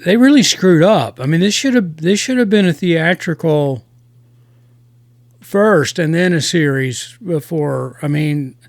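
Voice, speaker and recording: A man hosting a casual review podcast, talking in halting starts with many restarts. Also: fairly high pitch, no room sound, clean studio sound.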